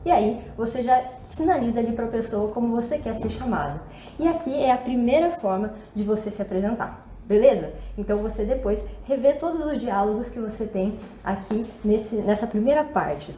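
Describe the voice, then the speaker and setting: A woman's voice: on the high side, normal speed, mellow. Upbeat Brazilian woman teaching English. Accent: Brazilian Portuguese. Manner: chatty, upbeat, asks rhetorical questions. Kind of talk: casual video lesson. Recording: echoey room, faint background noise.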